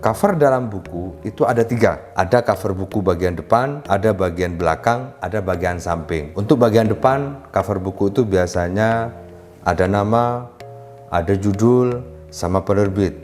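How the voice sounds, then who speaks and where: Man, low voice, instructional lesson, lists points in order, polite address, faint music behind. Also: normal speed, a little mellow. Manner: addresses listeners as "Bapak Ibu", lists points step by step. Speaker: writing instructor. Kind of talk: explanatory lesson.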